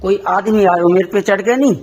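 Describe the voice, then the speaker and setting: Speaking a little fast in a high, darkish voice, a man on a recorded call argues about local politics. He's insistent and says things again and again for emphasis.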